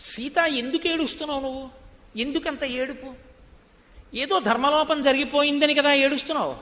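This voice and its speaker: A proud demon king brags about his riches and power one boast after another, as a male preacher voices him in his own telling. The voice sits high and sounds sharply bright. A long hall reverb trails every line. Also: normal speed. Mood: coaxing. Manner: bragging list of conquests.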